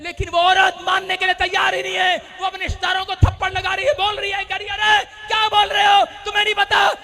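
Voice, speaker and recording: Male pastor, very high pitch, shouted dramatic storytelling, congregation heard. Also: completely flat delivery, quick pace, background noise. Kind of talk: healing crusade sermon. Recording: crowd heard behind. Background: congregation responding.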